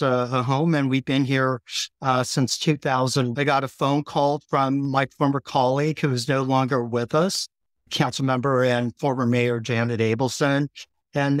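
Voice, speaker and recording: A middle-aged man from the Bay Area, a city councilmember speaking as a guest in an interview, explaining things in a steady, informative way. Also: mid-range voice, dry recording, clean studio sound. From San Francisco Bay Area, California. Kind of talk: interview conversation.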